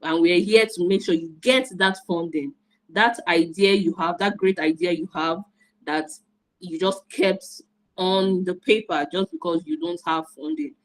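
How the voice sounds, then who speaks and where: A woman's voice: fairly low pitch, moderate pace, poor audio. A woman from Nigeria, hosting an online event in an enthusiastic, repetitive, encouraging way over a video call. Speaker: host and moderator.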